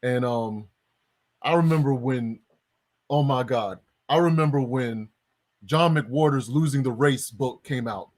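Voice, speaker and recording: A man's voice: medium pitch, unhurried, darkish tone. Wry man hosting an interview. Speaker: podcast host. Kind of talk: conversational interview.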